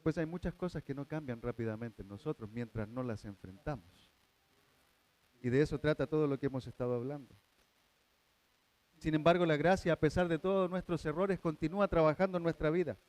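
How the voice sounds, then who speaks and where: Male pastor, high voice, earnest sermon delivery that swings between hushed and fervent. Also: fairly quick.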